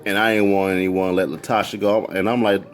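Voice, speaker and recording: A man telling a story casually, excitable and jumping into high squeals when he quotes people. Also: fairly quick, faint music behind.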